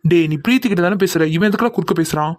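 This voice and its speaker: A man voices a crowd of young cartoon men, a man doing quick and heated talkers. His voice sits a little high and races along. The recording is close and dry. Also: no echo. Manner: quick, heated, bickering delivery. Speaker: voice actor for several male cartoon characters. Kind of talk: Tamil cartoon drama voicing.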